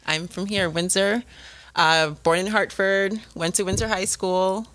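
A woman's voice: medium pitch, fairly even intonation, a little slow, a bit bright. A young woman from Connecticut, a guest on a radio show, chatting in a friendly, upbeat way. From Connecticut, USA. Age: young adult. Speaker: guest model. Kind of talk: casual radio interview. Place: radio studio. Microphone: studio microphone with headphones.

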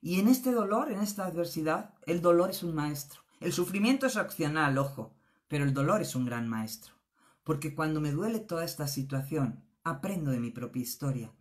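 A woman's voice: sits low, expressive, moderate pace. Earnest woman, spiritual talk. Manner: earnest, tags phrases with "¿eh?". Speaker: spiritual speaker.

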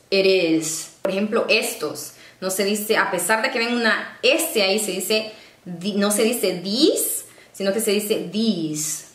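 A woman presenting a casual teaching vlog, patiently explaining and slowing down to sound out example words. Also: mid-range voice, fairly bright tone. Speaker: online English-learning presenter. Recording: echoey room.

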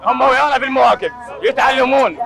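High, quick Iraqi procession host. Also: male voice, creaky, a loud crowd. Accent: Iraqi Arabic. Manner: earnest, listing things. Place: outdoors in a loud crowd.

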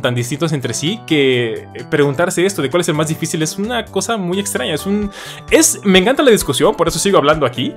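A man giving a casual, animated talk about learning languages, with plenty of fillers and restarts. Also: fairly high pitch. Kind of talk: casual educational talk to camera.

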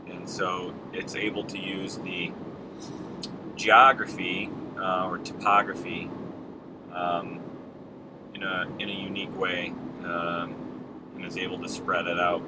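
A man in his thirties talking casually to a dashboard camera while driving, relaxed and rambling with many ums. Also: sits low, slow. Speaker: mountain bike vlogger. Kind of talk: casual vlog talk to camera. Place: inside a car while driving. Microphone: camera mounted on dashboard. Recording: car cabin with road and air-conditioning noise. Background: car and engine noise.

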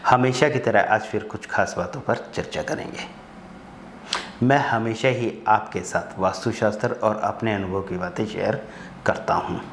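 A man's voice: on the low side, fairly even intonation, normal speed, vocal fry, a little hiss or hum. A man in his thirties, a consultant, talking straight to camera with a lapel mic and advising listeners in an earnest, repetitive way. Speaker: vastu consultant. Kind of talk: direct-to-camera advice talk. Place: small indoor studio with plain backdrop. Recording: roomy echo.

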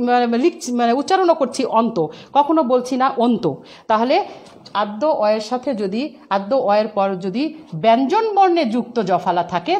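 A woman's voice: on the high side, a little mellow. A woman teacher giving an online class, explaining rules step by step, repeating examples and asking questions.

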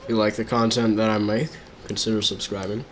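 A man's voice: lowish voice, little pitch movement, a little fast, a little hiss or hum. A man casually chatting to his viewers while live-streaming a video game, reacting to the action as he plays.

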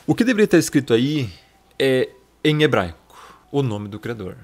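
A man's voice: mid-range voice, sing-song, moderate pace. Guy walking through bible words, chatty teacher, talks right to the viewer. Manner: explanatory, addresses viewer as brother. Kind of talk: casual Bible study lesson.

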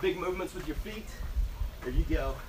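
A man in his thirties with a fairly high, expressive voice and a brisk pace coaches like an aerobics instructor leading a timed workout, exercising as he gives short urging cues and countdowns. A camera several metres away records him on an outdoor porch, so the sound is echoey, noisy and distant.

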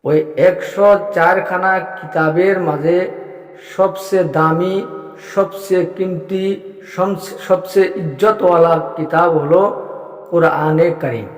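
Male mufti, slightly raised pitch, emphatic repetitive sermon cadence, long hall reverb. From Bangladesh. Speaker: mufti answering a religious question. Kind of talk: religious Q&A sermon.

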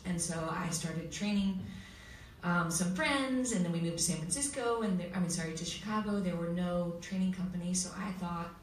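A woman with a fairly low voice tells a heartfelt story at a panel, pausing often and getting emotional. She is heard from far off in an echoey hall, with faint noise behind. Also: a little mellow. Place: school hall with audience. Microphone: table mic heard from far camera.

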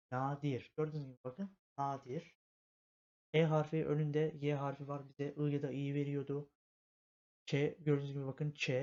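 A man's voice, on the high side with a darkish tone, spells out letters patiently step by step in a language lesson, often repeating himself. The recording is a dull lo-fi one made at home.

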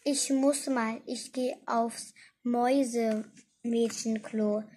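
A woman voicing a cheeky little male ink monster in a storybook reading, squealing high and loud when upset. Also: fairly even intonation, takes it slowly. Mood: grumpy. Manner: shrieking, squealing in distress.

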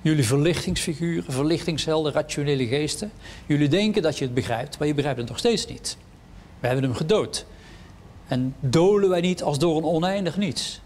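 A man's voice: a little high, a little fast, a little mellow, lightly acted. A man voicing a frantic madman who scolds a crowd, in a declaiming manner. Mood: accusing. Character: frantic prophetic madman, accusing.

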